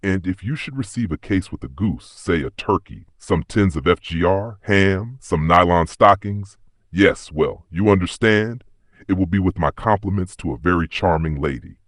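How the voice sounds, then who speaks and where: A man plays a flamboyant older gentleman, sly and theatrical, with a conspiratorial lilt. The low, husky voice swings widely in pitch. It is an audiobook mystery. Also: lively intonation, normal speed, no echo, clean studio sound.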